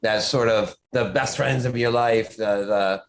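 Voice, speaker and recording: A man's voice: mid-range voice, steady tone, a little slow, low-quality recording. A man who writes horror, a podcast guest talking in casual chat, rambling and restarting his sentences often.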